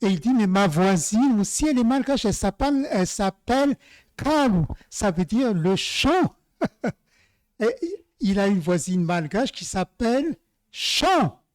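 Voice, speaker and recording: A man from Madagascar preaching an informal sermon in a chatty storytelling style, speaking straight to his listeners and slowing down for the key phrases. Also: high-pitched, expressive, darkish tone, no echo. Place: church service.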